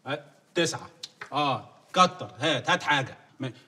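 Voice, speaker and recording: A man's voice: medium pitch, animated, moderate pace, pushed and bright, breathy edge, exaggerated voice. An actor playing an overbearing Egyptian host who insists on his guests staying, swearing oaths and making escalating threats in a comedy sketch. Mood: insistent. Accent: Egyptian Arabic. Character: overbearing male host Awad, pushy hospitality.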